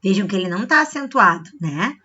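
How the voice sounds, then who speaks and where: A bright, clear-toned woman teacher walks children through a review lesson. She explains patiently, checks in often and draws out words to show where the stress falls. The recording sounds dull and lo-fi, like a home video. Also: medium pitch, lively intonation, fast talker.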